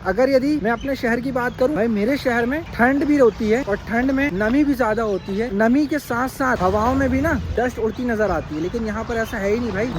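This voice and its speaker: A man filming a casual travel vlog outdoors on a phone, chatty and addressing viewers as brother. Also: high-pitched. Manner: chatty, often says "bhai" to viewers. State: slightly tired from climbing. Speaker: travel vlogger. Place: outdoors in parks and streets.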